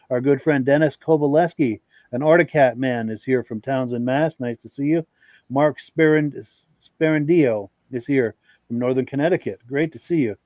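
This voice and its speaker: Brisk man hosting a live podcast. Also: medium pitch, dry recording, muffled recording. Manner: brisk reading of viewer shout-outs. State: out of breath. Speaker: podcast host. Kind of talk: live podcast welcome and chat.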